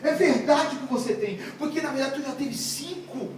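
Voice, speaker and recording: A man's voice: very high-pitched, moderate pace, a little hiss or hum, voice pushed up. A man voicing a casual, blunt young man from Galilee in a joking sermon retelling, heard from a distant mic in a very echoey room. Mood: approving.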